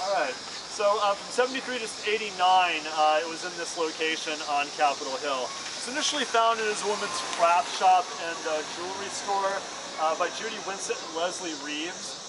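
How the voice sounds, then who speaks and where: A young man leading a walking tour of a city street for a group, earnest and full of filler "uh"s, recorded outdoors by a camera a few meters away. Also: sits high. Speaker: tour guide. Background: loud street traffic.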